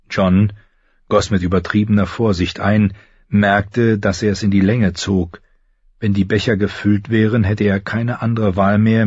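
A man narrating an audiobook in a measured, even reading. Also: fairly low pitch, husky, dry recording, lo-fi sound. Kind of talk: scripted narration.

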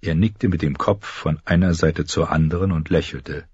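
A man narrating an audiobook in a steady, measured storytelling manner. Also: rumbling low, breathy edge, no room sound, muffled recording. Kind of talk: scripted narration.

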